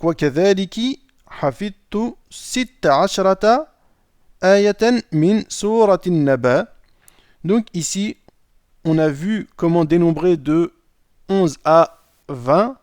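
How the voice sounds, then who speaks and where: Male teacher, slightly high voice, dry close mic, patient lesson delivery. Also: slow, a little mellow, clean tone, dry recording. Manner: checks in with "d'accord?" often. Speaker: Arabic teacher. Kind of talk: explaining a lesson.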